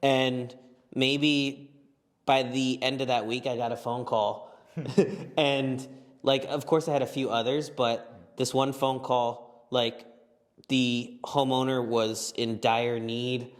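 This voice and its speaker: Brief: male podcast host, mid-pitched, chatty and conversational, plenty of "like"s. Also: little pitch movement, slow, big-room sound. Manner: chatty, filler-heavy, conversational. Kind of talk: casual podcast interview.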